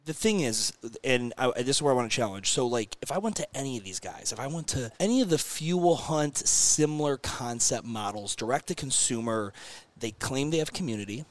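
A man's voice: medium pitch, animated, a little fast. Blunt, swearing male podcast host. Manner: blunt, swears freely, fires off questions. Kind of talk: casual podcast chat.

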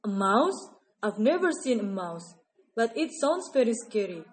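Lady doing a nervous elephant, kinda high voice, worried, storybook. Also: big pitch swings. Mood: wary. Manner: anxious, hurried. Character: second elephant, nervous and cautious. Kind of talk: storybook character voice.

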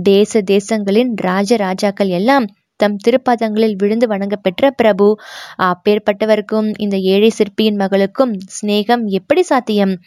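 A proud young dancer speaks with sharp resentment, close to tears, as a woman reading the story gives her voice. The sound is close and dry, with no room around it. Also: medium pitch, no room sound, natural voice. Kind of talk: audiobook narration of a historical novel.

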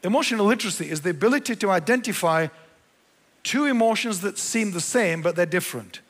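Pastor guy giving a sermon, pretty high pitched, hammers his points home, big echoey hall. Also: animated, quick pace, fairly bright tone. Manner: emphatic, repeats key phrases.

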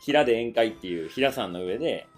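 Lively, fast-talking Kansai man. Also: medium pitch, faint music behind. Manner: storytelling, laughs often. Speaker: podcast co-host. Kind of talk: casual chat.

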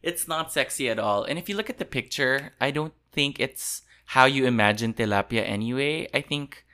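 A man hosting a relaxed food podcast, his voice bright and forward. He keeps things playful, laughs easily and slips into reading recipe blurbs. Mid-pitched, chatty delivery. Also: moderate pace. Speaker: podcast host. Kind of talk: casual chat.

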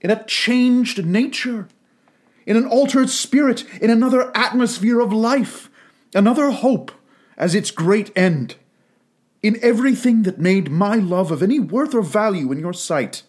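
A man voicing a soft, sorrowful young woman. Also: sits high, expressive, measured pace, voice pushed up. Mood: earnest. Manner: soft, pleading, rising tone. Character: gentle sorrowful young woman, grave and steady.

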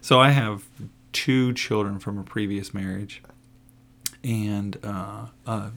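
A man's voice: fairly low pitch, fairly even intonation, slow pace, gravelly, a bit bright. A man, co-hosting a casual podcast and joking around teasingly. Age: 40s. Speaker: podcast co-host.

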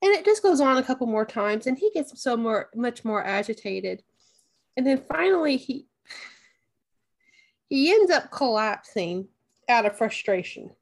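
A woman co-hosting a casual podcast chat, answering knock-knock jokes and laughing easily. Her voice is fairly high and she talks slowly, in a relaxed, unhurried way. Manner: giggly, relaxed storyteller.

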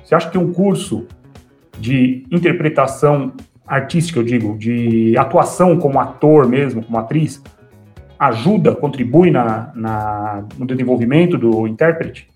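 A Brazilian man hosts a relaxed interview in a medium-pitched voice. He builds his questions slowly, breaking off and restarting. Faint music sits in the background. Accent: Brazilian Portuguese. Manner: halting questions with many restarts. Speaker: interview host. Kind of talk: casual interview chat.

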